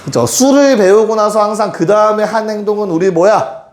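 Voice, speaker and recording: A man's voice: high voice, fairly quick. A man teaching a math class to students, often stopping to check that they understand. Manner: addresses students directly, keeps checking they follow. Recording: echoey classroom with faint noise.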